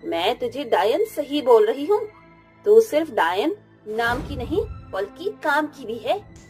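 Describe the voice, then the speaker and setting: A man voicing a cruel, shouting middle-aged mother-in-law in a spoken storybook. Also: sing-song, measured pace, faint music behind, exaggerated voice. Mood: taunting. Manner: shrill, scolding, shouting insults. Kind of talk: storybook narration with voices.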